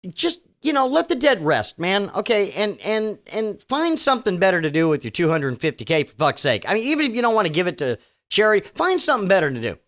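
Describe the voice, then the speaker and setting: A male podcast host tears through the week's news with sarcasm and casual profanity. He trips over himself, restarts sentences and lets his voice swing widely in pitch as he mocks each story. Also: very animated, a little fast, a bit bright. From Virginia. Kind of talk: sardonic news commentary podcast. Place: home studio.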